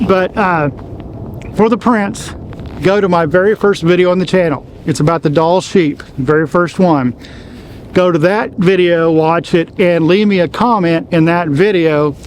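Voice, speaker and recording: A man hosting a wildlife photography channel, outdoors at dusk, cold and talking fast as he explains a giveaway in a casual, repetitive way. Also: high-pitched, slight background noise, low-quality recording. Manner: chatty, repeats instructions, talks fast.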